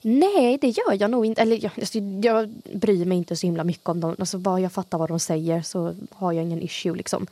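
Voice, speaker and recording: A young woman with a light Gothenburg accent chatting casually as a podcast co-host, with a dry way of talking that sounds sarcastic even when she means it. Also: on the low side, few pauses, no echo. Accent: light Gothenburg Swedish. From Sweden, grew up in Gothenburg. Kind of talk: casual chat.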